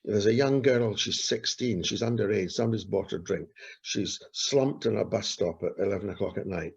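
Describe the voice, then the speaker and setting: A man's voice: on the low side, moderate pace, vocal fry, slightly rough. A man, a street pastor telling earnest stories in an interview and repeating his key phrases. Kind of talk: storytelling in an interview. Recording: dull lo-fi recording.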